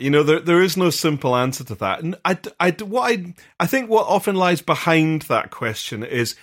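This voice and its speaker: A man's voice: medium pitch, a bit bright. A man co-hosting a casual discussion podcast as a vicar, explaining earnestly at length with many fillers and restarts.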